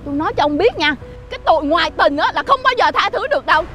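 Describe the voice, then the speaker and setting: A woman playing a middle-aged wife who scolds her cheating husband in shrill insults. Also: big pitch swings, very fast, heavily acted. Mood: angry. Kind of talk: low-budget moral skit acting. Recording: loud music bed behind.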